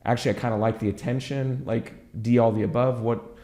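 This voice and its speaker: A man's voice: mid-range voice, steady tone, a little fast, mellow, echoey room. A man hosting an interview show as a rabbi, probing and stacking several questions at once. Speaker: podcast host, rabbi.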